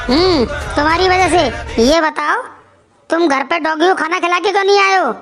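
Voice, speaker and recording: A woman's voice: very high voice, normal speed, over music. A woman voicing a bossy, demanding wife who scolds her husband in a cartoon. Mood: scolding.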